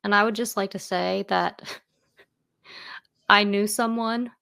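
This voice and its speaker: A woman at middling pitch co-hosting a podcast in relaxed, casual chat. She laughs easily and acts out the lines she quotes. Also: slow, gravelly, smooth. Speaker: podcast co-host.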